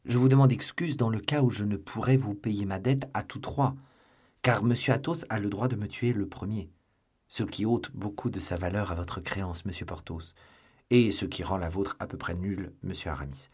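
Brief: man reading eager young duelist, courteous but bold, husky low voice, audiobook. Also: steady tone, moderate pace, darkish tone. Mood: proud, resolute.

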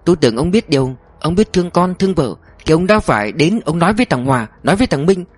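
A man voicing a sharp-tongued, defiant wealthy older woman who argues with scorn. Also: on the high side, animated, fast, slightly rough, dry recording, pitched above the performer's own voice. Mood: scornful. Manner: scornful, cutting, insistent.

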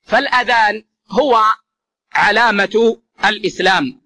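A man's voice: sits high, measured pace, bright, forceful tone. A man giving an explanatory religious lesson, addressing listeners as brothers and repeating key phrases for emphasis. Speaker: religious teacher.

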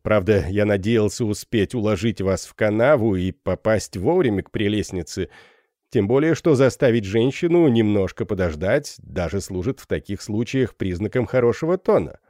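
A man voicing a boastful, hot-headed young army captain in an audiobook, swaggering and quick to shout. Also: fairly low pitch, expressive, no echo, studio quality, natural voice. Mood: jaunty. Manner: swaggering, bursts into shouting anger.

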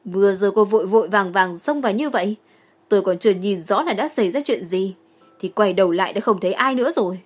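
A woman voicing a furious mother in her thirties who scolds loudly and shrilly, in an audiobook. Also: fairly high pitch, expressive, moderate pace, hardly any pauses, slightly rough, soft background music.

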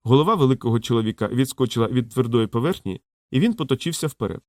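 A man narrating a fantasy audiobook in a steady, measured storytelling voice. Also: mid-range voice, dry recording, studio quality. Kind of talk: scripted narration.

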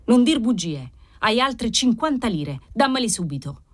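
A woman's voice: a little high, big pitch swings, normal speed, pitched above the performer's own voice. A woman voicing a harsh, commanding marquis. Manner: curt commanding orders. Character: harsh, domineering male aristocrat, desperate for money.

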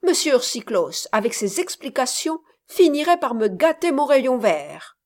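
A woman's voice: sits high, sing-song, unhurried, darkish tone. A woman voicing a spirited, romantic young Scottish woman who speaks passionately and indignantly in a storybook reading.

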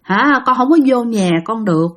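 A woman's voice: on the high side, expressive, normal speed. A woman voicing the ghost of a young woman who pleads tearfully for help through a medium. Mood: pleading.

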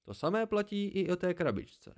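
A man's voice: high voice, big pitch swings, darkish tone, pitched above the performer's own voice. A man doing a wise, scornful old hermit. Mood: lecturing. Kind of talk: amateur audiobook reading.

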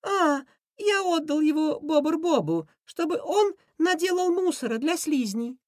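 A woman voicing a nervous, excitable male rat schemer who shrieks, in an audiobook. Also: high-pitched, unhurried, no echo, clean studio sound, voice pushed up. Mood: scheming. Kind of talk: audiobook character voice.

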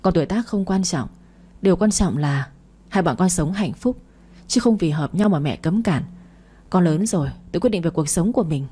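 A gruff, curt grown man from a romance storybook, as a woman reader voices him. Lowish, dark-toned and husky, with clipped, blunt replies. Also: lively intonation, moderate pace. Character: gruff older man, curt but caring.

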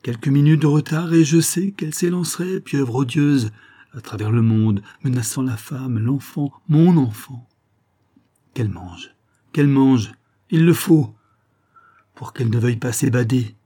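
A man's voice: mid-range voice, brisk, hardly any pauses, warm tone, husky, lightly acted. A man reading aloud and voicing an obsessed male botanist who speaks in an exalted, declamatory way, rising to cries. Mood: anxious obsession. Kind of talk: dramatic audiobook reading.

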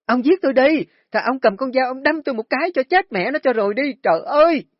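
A man's voice: extremely high pitch, lively intonation, fast talker, dry recording, pitched above the performer's own voice. A man voicing a hysterical, stubborn older mother who shrieks and wails. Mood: wailing. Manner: shrieking, screaming complaints. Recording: dry, dull lo-fi recording.

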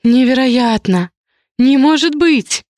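A woman's voice: fairly high pitch, smooth, dry recording, clean studio sound, pitched above the performer's own voice, lightly acted. A woman voicing an effusive, cheerful female pastry shop owner in an audiobook, exclaiming and drawing out her words. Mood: delighted. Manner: bubbly, exclaiming, drawn-out gushing. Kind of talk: audiobook character voice.

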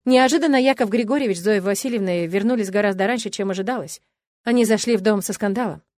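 A woman narrates a first-person story in an even, expressive reading voice. Her voice sits in a middle pitch. The recording is dry and close, with no room sound. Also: quick pace, no room sound. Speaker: audiobook reader.

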